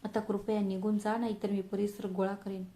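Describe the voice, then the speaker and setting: A woman's voice: medium pitch, little pitch movement, moderate pace, warm tone, lightly acted. A woman voicing a wronged young wife who answers sharply and coldly, in a storybook reading. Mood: bitter. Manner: bitter, cutting. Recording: roomy echo.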